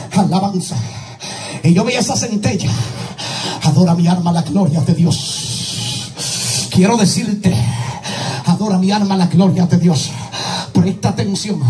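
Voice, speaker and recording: A man's voice: sits high, far from the mic. A man preaching a fiery sermon as an evangelist, calling out prayers and repeating praise refrains between his phrases. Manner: shouted exclamations and chanted deliverance prayers.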